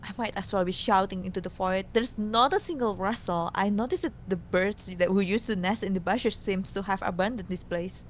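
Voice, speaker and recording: A woman's voice: brisk, hardly any pauses. Woman reading story narration, slightly noisy. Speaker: co-host reading a visual novel aloud. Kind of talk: scripted story narration, read casually. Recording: noisy, low rumble behind.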